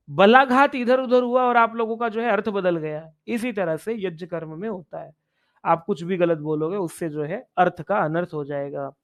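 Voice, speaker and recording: A man teaching Sanskrit in an online exam-prep class. He reads Sanskrit lines and explains each one in Hindi, stopping to ask his students questions. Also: sits high.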